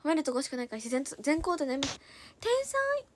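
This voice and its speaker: Young woman, high voice, fast casual livestream chatter, Hiroshima dialect flecks. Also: slight background noise. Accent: Hiroshima dialect in places. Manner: chatty, quick-talking, reads viewer comments aloud and thanks them. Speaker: idol livestreamer reading comments.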